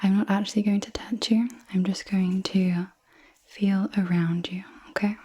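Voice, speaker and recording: Breathy young woman in whispered role-play. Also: mid-range voice, little pitch movement, normal speed. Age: 20s. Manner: soft, reassuring, attentive. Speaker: clinic practitioner in a role-play. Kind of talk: ASMR. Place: indoors, small room with dark backdrop.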